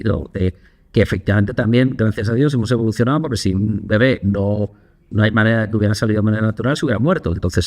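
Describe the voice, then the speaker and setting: A man co-hosting a casual podcast, telling anecdotes and acting out quotes with energy. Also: fairly low pitch. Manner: animated storyteller, acts out quotes. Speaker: podcast co-host.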